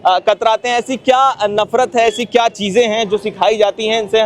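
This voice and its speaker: A man with a high voice works as a street reporter. He presses passersby with persistent questions outdoors. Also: steady tone, normal speed, soft background music. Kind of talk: street vox-pop interview.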